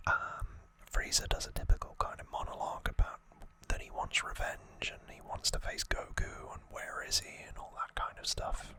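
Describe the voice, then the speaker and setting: An ASMR creator and host whispers softly in an unvoiced whisper throughout, explaining things in an unhurried, informal recap style.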